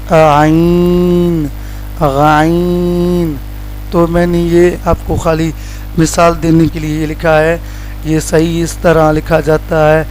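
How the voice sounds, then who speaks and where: Male qaida teacher from Pakistan, monotone and slightly high, drawls out letter sounds, faint music behind. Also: rough recording. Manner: drawls out each letter slowly as a model; plain explaining teacher tone. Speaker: Quran recitation teacher. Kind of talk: letter-by-letter pronunciation lesson.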